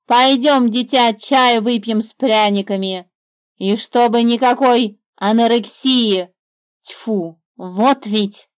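A woman voicing a bossy, grumbling motherly bird in a storybook reading, speaking high and loud with quick exclamations. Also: no room sound. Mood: indignant bossy.

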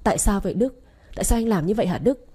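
Woman doing a wounded young wife, raised accusing voice, breathy, mellow, storybook reading. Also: mid-range voice, lively intonation, racing. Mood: tearful accusing. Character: young wife, hurt and furious at husband.

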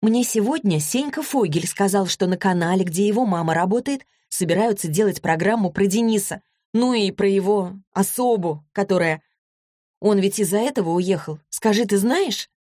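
A woman's voice: mid-range voice, normal speed, mellow, dry recording, clean studio sound, voice pushed up, lightly acted. A woman reading a story, voicing an anxious, affectionate teenage girl who talks in an eager, pleading way.

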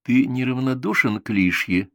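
A man reading an audiobook, voicing a cheeky boy who teases calmly. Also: medium pitch, normal speed, no echo, clean studio sound, pitched above the performer's own voice, natural voice. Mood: teasing. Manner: teasing, mocking. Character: cheeky teasing boy, calm and smug.

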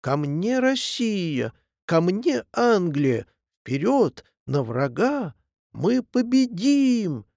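A man playing a shrill drunken hill echo. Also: sing-song, drawn-out words, vocal fry, clean studio sound, heavily acted. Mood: shouting. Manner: shrill, brash, shouting battle cries.

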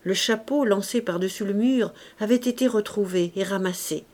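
A woman narrating a classic novel audiobook in a careful, even reading. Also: mid-range voice, moderate pace. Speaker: audiobook reader.

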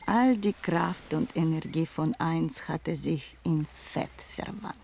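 A woman's voice: low voice, slow, creaky, a little hiss or hum, full character voice. A worldly, wistful woman of the past. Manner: hushed, often whispering, wistful. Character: worldly woman recalling a lost lover. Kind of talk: radio play acting.

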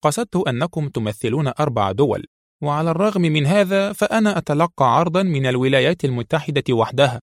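A man's voice: a little high, animated, quick pace, dry recording, clean studio sound, voice pushed up. A man voicing a haughty, defiant woman negotiator who speaks sternly.

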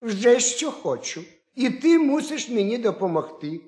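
A man's voice: extremely high pitch, very animated, unhurried, a little mellow, voice pushed up, exaggerated voice. A man voicing a crafty, boastful male hedgehog who talks in a confident, coaxing way, for a folk tale. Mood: scheming. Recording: roomy echo.

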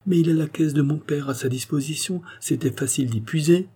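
A man's voice: fairly high pitch, fairly quick, warm tone, husky, voice pushed up. A man reading a novel aloud, voicing a distressed young woman who pleads earnestly for her brother. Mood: anxious pleading.

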